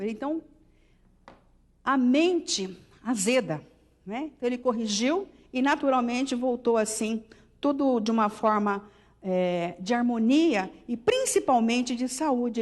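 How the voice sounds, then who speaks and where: A woman's voice: on the high side, darkish tone. A woman with a Brazilian Portuguese accent giving a spiritual lecture to an audience, teaching and checking in with tag questions. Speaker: religious lecturer.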